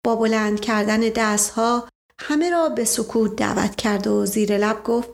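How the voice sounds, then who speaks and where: A woman narrates a novel in a measured, even reading voice. Her pitch sits a little above the usual. She tells the story steadily, in scripted audiobook style. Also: gravelly.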